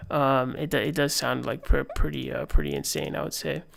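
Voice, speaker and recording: A man's voice: mid-range voice, steady tone, brisk, gravelly, fairly bright tone. A young man giving casual live-stream political commentary, rambling with lots of fillers and reading posts aloud. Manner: rambling, filler-heavy, reads tweets aloud.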